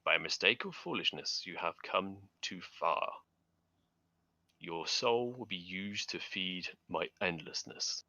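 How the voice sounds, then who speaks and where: Game master voicing a low, malicious voice from darkness, dry and deathly. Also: male voice, expressive, takes it slowly, sharp tone, no echo, muffled recording, exaggerated voice. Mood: cold menace. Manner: menacing, dry deathly rasp. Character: malicious disembodied voice threatening intruders from darkness. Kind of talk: read-aloud villain speech in tabletop game.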